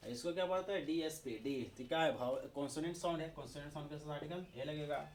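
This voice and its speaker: A man's voice: on the high side, fast talker, a little hiss or hum. A man with an Indian accent teaching English grammar, asking questions and repeating the answers himself. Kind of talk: classroom-style video lesson in Hindi.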